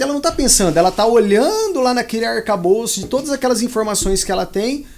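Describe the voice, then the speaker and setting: A man with a Brazilian Portuguese accent explains things patiently to an interviewer, often repeating a point to drive it home. His voice sits notably high for a man. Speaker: invited specialist.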